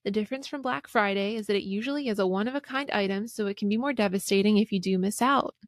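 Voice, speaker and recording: A woman's voice: medium pitch, quick pace, dry recording, studio quality. A woman hosting a podcast, reading an interview aloud and commenting on it in a chatty, emphatic way. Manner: chatty and emphatic, with frequent fillers. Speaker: podcast host.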